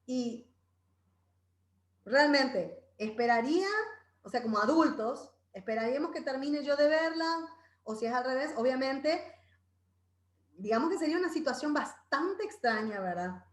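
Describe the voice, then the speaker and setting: A woman's voice: high-pitched, animated, measured pace, pauses often, reverberant. A woman leading a parenting Bible class in a conversational way, often checking in with her listeners and acting out children's voices. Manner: conversational, tags phrases with "¿verdad?"; acts out children's voices in quotes. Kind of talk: informal Bible parenting talk.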